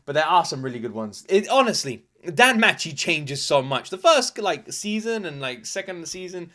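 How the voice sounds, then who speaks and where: A man giving casual, excited reaction commentary, gushing and exclamatory and swearing freely. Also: a little high, moderate pace. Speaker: reaction video host.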